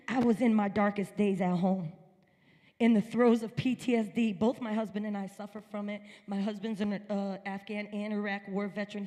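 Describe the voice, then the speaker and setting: At a church service, a guest speaker from upstate New York gives an earnest, emphatic personal testimony. Her medium-pitched, warm voice fills the large sanctuary.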